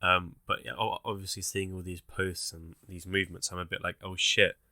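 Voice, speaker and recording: A young man with a very low, bright, forceful voice co-hosts a podcast, talking in loose, rambling bursts. The sound is dry and close, with no room around it. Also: a little fast, vocal fry, no echo. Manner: rambling, animated, swears casually. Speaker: podcast co-host. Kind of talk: casual chat.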